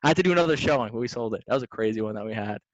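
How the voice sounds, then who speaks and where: A young man, a real estate investor, telling stories in a casual podcast chat, slangy and lively, calling people "man" and "dude". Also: medium pitch, rapid-fire, no room sound. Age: young adult. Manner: animated, slangy, says "man" and "dude" often. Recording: dry, slightly dull sound.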